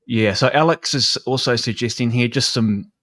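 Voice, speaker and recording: A man's voice: medium pitch, normal speed, a bit bright, no echo. Chatty New man with a dry sound. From New Zealand. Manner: rambling, storytelling, loose and chatty with fillers. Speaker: livestream host. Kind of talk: casual chat.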